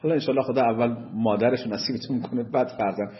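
A man teaching a seminary class, reading a text slowly and explaining it with lively asides. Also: mid-range voice, highs cut off. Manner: slow deliberate reading of Arabic text, then lively asides. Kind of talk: lecture on Islamic jurisprudence.

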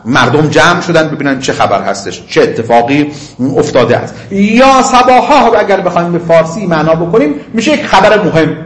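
A man giving a seminary lecture, reading Arabic passages slowly and then explaining them in casual, conversational speech. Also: fairly high pitch, sing-song, echoey room. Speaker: religious teacher.

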